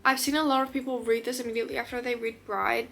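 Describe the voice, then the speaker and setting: A woman chatting casually as a book vlogger, gushing and excitable, sometimes dropping to a whisper. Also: on the high side, fast talker, gravelly. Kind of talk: casual chat. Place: her room. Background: faint rain.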